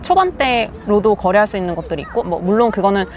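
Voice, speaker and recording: A woman's voice: medium pitch, lively intonation, quick pace, some chatter behind, a little hiss or hum. A woman casually describing property site visits, chatting conversationally with small laughs. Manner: reports field visits conversationally, soft laughs. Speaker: real estate guest. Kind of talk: casual discussion.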